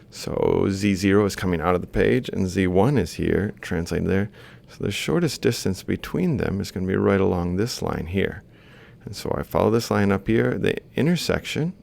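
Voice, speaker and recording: In a little office full of books, a man teaches a university lesson by walking through worked examples, his mouth close to a large desk microphone. The voice is low, creaky, and slightly mellow.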